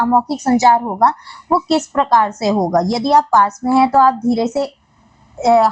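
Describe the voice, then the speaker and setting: A woman teacher giving an exam-prep lecture, explaining step by step with frequent filler pauses. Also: a little high, low-quality recording. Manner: explains step by step with Hindi-English term pairs.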